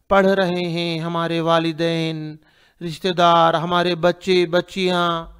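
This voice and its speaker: A man teaching Quran pronunciation, reciting verses in long drawn-out phrases and sternly correcting mistakes. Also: high-pitched, a bit bright, clear, resonant tone. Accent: Hyderabadi Urdu. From India. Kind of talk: tajweed lesson, reciting and correcting.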